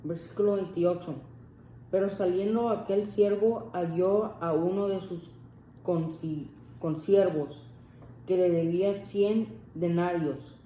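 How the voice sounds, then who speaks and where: A student slowly reading Bible verses aloud in class, stumbling and restarting over words. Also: mid-range voice, dark tone. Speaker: scripture reader in class. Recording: echoey room with faint noise.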